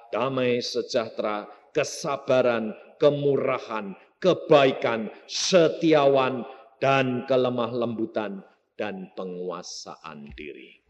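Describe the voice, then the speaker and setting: A man's voice: medium pitch, dull audio. A man preaching a sermon, telling a story dramatically and acting out the voices. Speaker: pastor. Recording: long hall reverb.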